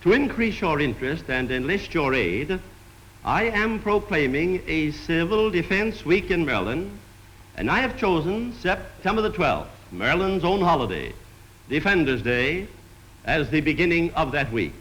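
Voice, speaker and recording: A man's voice: on the high side, sing-song, moderate pace, fairly bright tone, rough recording. A man giving a formal, earnest public address, recorded as old 1950s newsreel film sound. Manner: earnest, declamatory. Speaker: state official addressing citizens.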